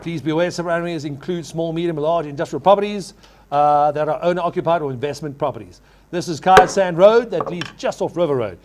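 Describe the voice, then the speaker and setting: Give me a male auctioneer with a high-pitched voice. He runs a live property auction, addressing bidders formally and repeating figures as he calls for offers. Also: very noisy. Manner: repeats figures in rapid chant when taking bids.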